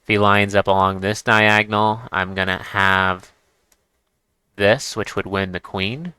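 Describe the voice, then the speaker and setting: A man's voice: on the low side, fairly even intonation, a little slow, sharp tone, smooth, dry recording. A man giving casual chess commentary as he plays, thinking aloud and restarting his sentences. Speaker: chess streamer.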